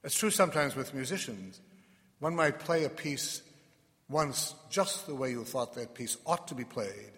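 A man speaking as a priest in church, measured and reflective, with pauses between phrases, in a cathedral echo. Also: mid-range voice, animated, a bit bright. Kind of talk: liturgical reading and sermon. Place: large reverberant church interior.

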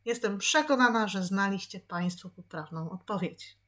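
A woman teaching English pronunciation in a podcast lesson, patiently repeating each word slowly for practice. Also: medium pitch, fairly bright tone.

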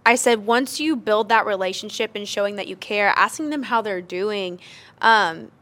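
A young adult woman hosting a podcast, telling stories and asking questions with enthusiastic, animated energy. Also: mid-range voice, moderate pace. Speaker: podcast host. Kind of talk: casual chat.

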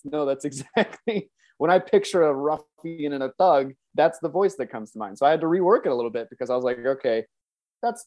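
With a voice on the high side and a darkish tone, this interview guest from the Chicago suburbs talks casually. He's an American man with a self-deprecating, chuckly manner.

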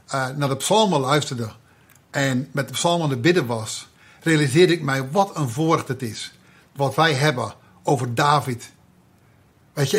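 Husky-voiced man preaching. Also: a little high. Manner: emphatic, building to loud declarations. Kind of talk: sermon.

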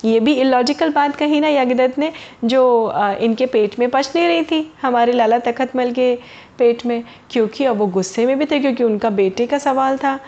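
A woman's voice: sits high, normal speed, a little mellow. A woman storyteller narrating a moral tale to children in a chatty manner, speaking directly to the young listeners. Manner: chatty, addresses listeners as kids. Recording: dull lo-fi recording.

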